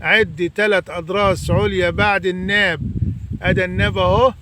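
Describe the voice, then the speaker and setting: A man with an Egyptian accent teaching correct Quran recitation, stretching out example words slowly and then explaining quickly. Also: high voice, flat delivery, noisy background. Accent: Egyptian Arabic. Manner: slow drawn-out demonstration recitation between quick explanations. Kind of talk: tajweed lesson correcting recitation mistakes.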